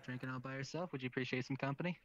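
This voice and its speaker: A man's voice: medium pitch, steady tone, racing, fairly bright tone, a little hiss or hum. Friendly man over dull lo-fi chat. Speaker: role-play player.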